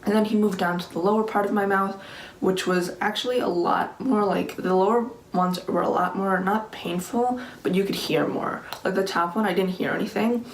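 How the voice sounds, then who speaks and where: A woman's voice: medium pitch, fairly even intonation, normal speed. A young woman in her late teens telling a casual personal story in a rambling, conversational way, peppered with filler "like". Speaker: vlogger. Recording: echoey room with faint background noise.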